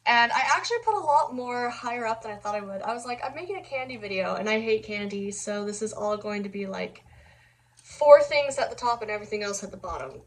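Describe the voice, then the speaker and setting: A woman's voice: a little high, poor audio. A young woman talking casually to camera, rambling and easily sidetracked, laughing often as she chats. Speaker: vlogger.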